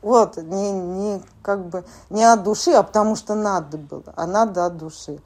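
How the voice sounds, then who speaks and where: Woman, 40s, group member sharing; mellow, dark tone, halting delivery. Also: medium pitch. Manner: halting, plain speech with many filler words. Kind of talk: sharing at a recovery group meeting.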